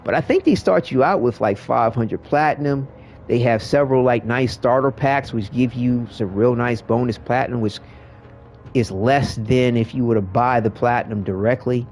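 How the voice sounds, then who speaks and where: A man's voice: medium pitch, normal speed, darkish tone, faint music behind. A man giving casual gaming commentary in a rambling, slangy way, often repeating his words. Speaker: streamer showing a game to a viewer.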